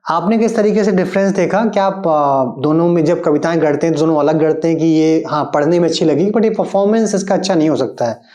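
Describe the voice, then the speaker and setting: A man's voice: fairly high pitch, quick pace, few pauses, mellow, reverberant. A man hosting an interview, asking long, searching questions. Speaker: interview host. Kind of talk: interview conversation.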